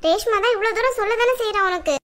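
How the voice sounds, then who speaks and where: A woman's voice: very high voice, quick pace, a bit bright. A woman voicing a blunt middle-aged mother who scolds her son in a cartoon drama. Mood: scolding. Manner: scolding, bossy.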